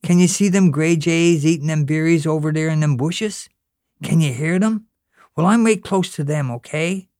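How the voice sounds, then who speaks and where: This reading of fiction features a high, childlike voice for an earnest young boy who pleads and questions in prayer and orders his little brother about. It sounds close to an everyday voice, a little mellow, at normal speed, with clean studio sound and no room sound.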